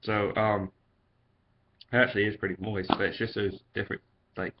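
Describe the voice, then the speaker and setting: A man's voice: fairly low pitch, level tone, normal speed, noisy background. A man giving a casual, chatty product review in vlog style. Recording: dull, lo-fi sound.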